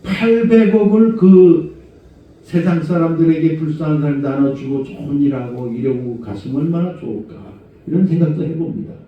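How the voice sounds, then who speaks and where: A middle-aged man preaching a conversational sermon as senior pastor, asking rhetorical questions and moving between low murmurs and raised exhortation. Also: normal speed. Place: church sanctuary. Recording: echoey church hall, far from mic, dull sound.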